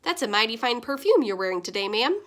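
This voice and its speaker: Woman doing a gentle, gallant blind man. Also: a little high, big pitch swings, fast.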